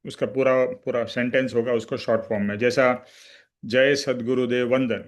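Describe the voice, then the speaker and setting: A man's voice: mid-range voice, flat delivery, normal speed. A man teaching a spiritual study class, explaining patiently, slipping in English words and checking in with his listeners. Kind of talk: religious study-class talk.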